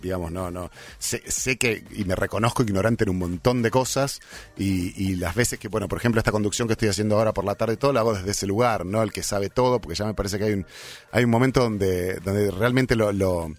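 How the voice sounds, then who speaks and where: A man's voice: on the low side, a little fast, faint music behind. A man in his forties with an Argentine accent, a guest on a radio show, chatting casually in a rambling, self-deprecating way with many restarts. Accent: Argentine Spanish. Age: 40s. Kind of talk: casual chat. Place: radio studio.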